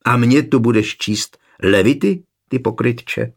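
A man with a gravelly, husky voice voicing a proud, sharp-tongued pregnant young noblewoman in an audiobook. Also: fairly low pitch, expressive, full character voice. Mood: angry, scornful. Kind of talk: audiobook character reading.

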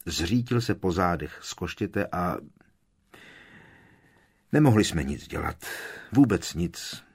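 A man reading aloud as a shaken young wizard in a storybook, his husky, deep voice strained and urgent. He presses on through his account, grim and earnest. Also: expressive, darkish tone.

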